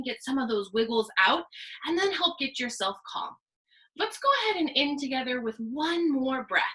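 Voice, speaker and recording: A female elementary PE teacher leads young children through a guided stretching lesson in the style of a kids' show host, very animated and high-pitched. She counts in a sing-song way, gives simple encouraging instructions, and speaks straight to the viewer with call-and-response. The audio quality is poor.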